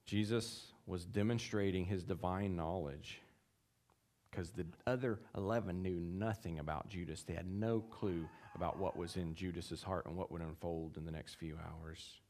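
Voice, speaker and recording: A man preaching a sermon, acting out the quotes in his text with big jumps in voice and chuckling between points. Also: moderate pace. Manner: animated, acts out quotes with big pitch jumps. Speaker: pastor.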